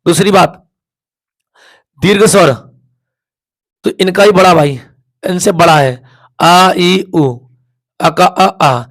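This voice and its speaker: A man's voice: high voice, slow, long pauses, a bit bright. A man teaching a class, sounding out vowels again and again and asking questions that he then answers himself. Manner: repeats sounds aloud, asks and answers his own questions. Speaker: Hindi teacher. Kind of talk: classroom lesson at a board.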